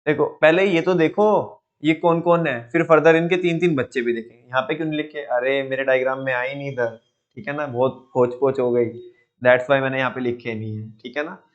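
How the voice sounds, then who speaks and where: A man's voice: mid-range voice, fairly even intonation, fairly quick. A male teacher giving an online economics lecture in a playful, teasing way, constantly asking his students questions. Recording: dull lo-fi sound.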